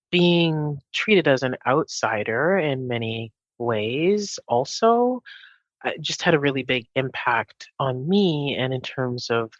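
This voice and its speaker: A middle-aged woman from Jamaica, raised in Canada. She is a guest in an interview and talks in a chatty, animated way, with quick restarts. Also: a bass voice, no echo. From Jamaica, raised in Winnipeg, Canada. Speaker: guest, executive director of a health clinic. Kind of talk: casual interview talk. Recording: dull, muffled sound.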